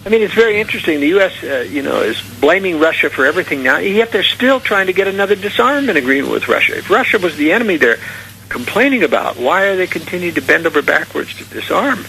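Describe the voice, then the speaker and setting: A man's voice: sits high, very animated, fast talker, gravelly, pushed and bright, a little hiss or hum, poor audio. A man speaking as a radio talk show guest, giving earnest, conspiratorial political warnings in long, unscripted explanations. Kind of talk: unscripted political interview commentary.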